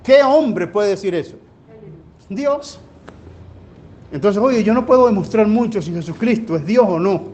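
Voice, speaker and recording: A high-voiced male pastor teaching a church class in a folksy, storytelling way. He fires rhetorical questions at the congregation, and the live church recording has a faint hum of background noise. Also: expressive, a little slow, long pauses, a little mellow, muffled recording. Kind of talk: sermon teaching.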